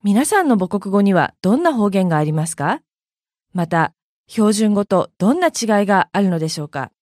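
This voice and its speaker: Lively, animated Japanese woman blogger. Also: mid-range voice, normal speed, dry recording, studio quality. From Hyogo, Japan. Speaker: audio blog host. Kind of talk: scripted explanatory talk.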